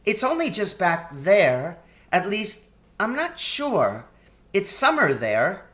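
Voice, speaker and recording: A man's voice: high-pitched, wildly swooping pitch, slow pace, a bit bright, voice pushed up, full character voice. A man voicing a polite, puzzled, innocent little girl in a storybook reading. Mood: puzzled, amused.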